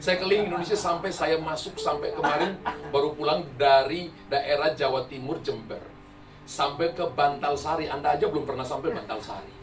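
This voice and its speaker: A man's voice: on the high side, fairly quick, background noise. A man pastor preaching a sermon to a congregation, telling funny stories and laughing often as he goes. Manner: humorous storytelling, laughing often. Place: church hall. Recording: roomy echo from far mic, music. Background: music.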